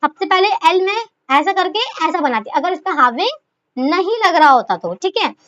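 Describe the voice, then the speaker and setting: A woman's voice: extremely high pitch, very animated, moderate pace, a bit bright. A woman teaching a shorthand lesson, asking questions and answering them herself, and calling her students fondly as children. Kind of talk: explaining a lesson. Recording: dull lo-fi recording.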